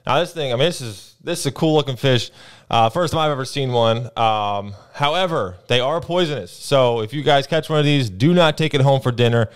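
Co-hosting a casual fishing report, a young New Jersey-accented man tells relaxed stories about his weekend trips, full of "uh" and "um" fillers. He talks fairly quickly in a clear, resonant tone, wearing headphones at an arm-mounted boom mic inside a small brick-walled studio.

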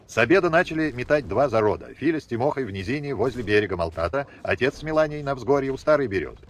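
A man reading a novel aloud as narrator, measured and expressive. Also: medium pitch.

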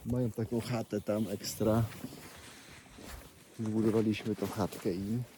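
A man's voice: lowish voice, flat delivery, unhurried, dark tone, slight background noise, low-quality recording. Fond man chatting among farm donkeys. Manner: affectionate, chatty, talks baby-talk to donkeys. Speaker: animal sanctuary caretaker. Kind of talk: casual vlog talk to animals and viewers. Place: outdoors in a donkey paddock. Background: animal sounds outdoors.

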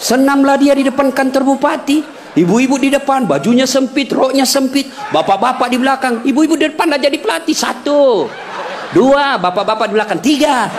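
Male preacher, high pitch, animated comic sermon, faint background noise. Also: brisk. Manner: animated, teasing, swings between shouting and crooning song snippets. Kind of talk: humorous sermon.

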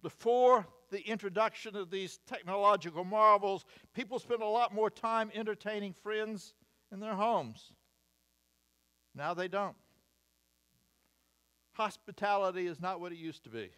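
An older American man preaching from a church pulpit in a fairly high voice. He reads through points with measured emphasis and slips in wry asides. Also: bright, forceful tone, clear, resonant tone. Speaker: pastor. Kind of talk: sermon. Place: church sanctuary, at a wooden pulpit. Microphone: pulpit mic, far camera.

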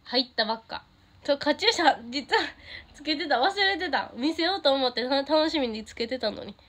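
A bubbly teenage girl with a Kansai accent chats casually on a livestream, reading out fan comments. Her voice sits fairly high and she is quick to laugh and light up. She keeps a relaxed, friendly chat going with her fans. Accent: Kansai Japanese. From Japan. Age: teens. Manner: bubbly, giggly, easily delighted by comments. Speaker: idol streaming to fans.

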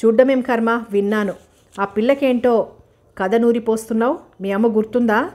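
A woman's voice: on the high side, steady tone, moderate pace, darkish tone, natural voice. A woman reading a wry, shrewd father.

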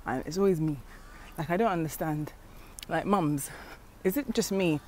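A woman's voice: low-pitched, moderate pace, a little mellow. A young woman chatting casually as she walks outdoors, rambling and confiding, recorded on a wired earphone mic. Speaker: vlogger, mother. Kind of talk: casual walking vlog chat. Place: outdoors on a city street. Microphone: wired earphone mic, phone at arm's length. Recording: street noise and passing traffic.

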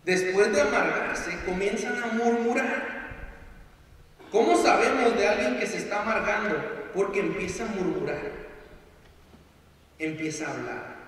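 A man's voice: high-pitched, bright, forceful tone, a little hiss or hum. A man preaching a sermon in a church, acting out the voices of bitter complainers in a raised voice. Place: church sanctuary. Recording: echoey hall from far off.

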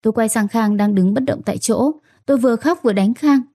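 A woman with a fairly high but dark, mellow voice narrates a first-person family drama story. She acts out each character's lines herself, in a dry, close recording. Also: fast talker, no echo. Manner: acts out every character's lines in her own voice. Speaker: audiobook narrator.

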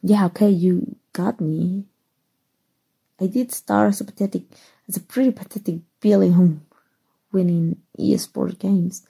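In an ASMR roleplay, a woman from Mexico plays a shy, awkward gamer superheroine who sounds sheepish. Her lowish voice is very soft, mellow, breathy-husky, and touched with creak, held in a steady but exaggerated tone. She talks slowly and haltingly, stammering when flustered.

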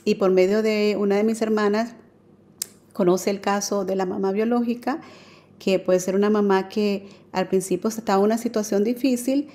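Mellow-voiced woman testifying. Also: medium pitch, steady tone, moderate pace. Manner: earnest storytelling with many fillers. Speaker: radio guest. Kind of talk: personal faith testimony. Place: radio studio.

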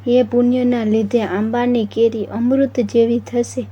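Woman reading as a calm commanding god giving instructions, dark mellow tone, dull lo-fi. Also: a little high, measured pace, husky. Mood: instructive. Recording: dull lo-fi with faint noise.

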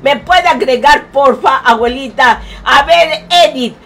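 A woman's voice: sits high, a little slow, sharp tone. A woman with a Mexican accent, streaming a game live and fondly greeting viewers in chat. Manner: affectionate, calls viewers "my love", sings snatches.

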